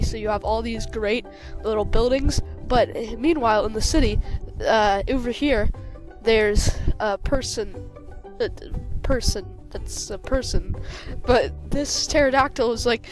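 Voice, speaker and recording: A woman's voice: a little high, unhurried. Rambling woman telling a game story. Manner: rambling, many fillers and restarts. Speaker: storyteller of a game role-play. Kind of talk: casual improvised storytelling. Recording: background music playing.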